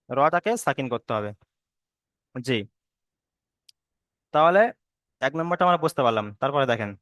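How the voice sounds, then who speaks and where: A fairly high male voice, smooth and clear, recorded close and dry. He teaches reading rules patiently, repeating each point and drawing out chanted verses slowly. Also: a bit bright, no room sound. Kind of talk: step-by-step recitation lesson.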